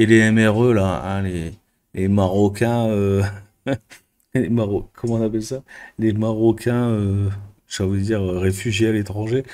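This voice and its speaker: A man's voice: low voice, darkish tone. A man ranting casually to camera as a vlogger, crude and exasperated, with constant fillers. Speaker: YouTuber and business coach.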